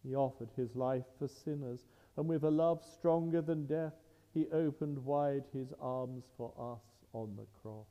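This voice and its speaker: A man leading the Mass as priest, reciting the prayers in a slow, measured, solemn way, his voice carried by a long cathedral echo. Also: medium pitch. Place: large church. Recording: dull lo-fi recording in a reverberant church.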